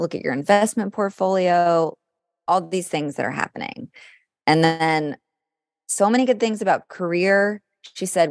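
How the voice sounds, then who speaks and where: A woman co-host on a casual podcast reads horoscopes aloud, conversational with a dash of dramatic delivery. Her voice is on the low side, captured in clean studio sound with no room reverb.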